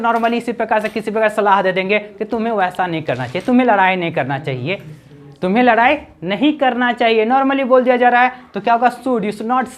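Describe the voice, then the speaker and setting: A woman gives an explanatory grammar lesson. She keeps asking herself questions and answering them. She reads the English example sentences out slowly, word by word. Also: medium pitch. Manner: keeps asking rhetorical questions and repeating key words.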